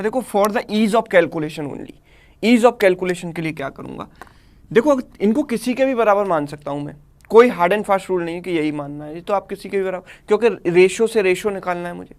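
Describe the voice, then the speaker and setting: Hindi-speaking male math teacher. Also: high voice. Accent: Indian English. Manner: explains step by step, checks with students. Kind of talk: live online math class.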